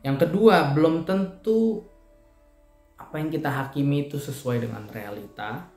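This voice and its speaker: A man's voice: on the high side, a little slow, a little mellow. A man giving a casual evening devotional talk in a church, explaining with everyday examples in a conversational way. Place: church room. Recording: echoey room with faint music.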